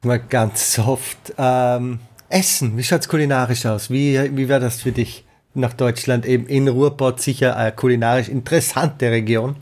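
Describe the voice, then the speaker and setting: Relaxed man, joking. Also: medium pitch, normal speed. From Austria. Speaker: interviewer. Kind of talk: casual conversation.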